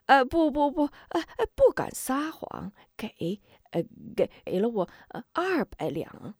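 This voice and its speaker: A woman's voice: a little high, sing-song, unhurried, no echo, studio quality, voice pushed up, full character voice. A woman voicing a cowardly male henchman who grovels and stammers, full of nervous fillers. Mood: pleading, panicky.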